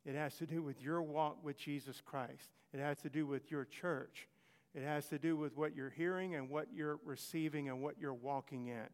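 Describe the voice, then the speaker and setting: Male pastor, fairly high voice, earnest repetitive sermon, long church-hall reverb. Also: steady tone, moderate pace. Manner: earnest, repetitive, conversational preaching. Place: church sanctuary.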